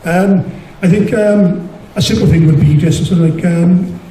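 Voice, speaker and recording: A man's voice: high voice, fairly even intonation, moderate pace, dark tone. A man from South Wales with a Valleys accent, answering hesitantly at a public hustings, often repeating words. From Merthyr Tydfil, Wales. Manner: hesitant, stammered repetitions. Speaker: election candidate. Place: indoor public meeting hall. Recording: echoey, distant mic, faint noise.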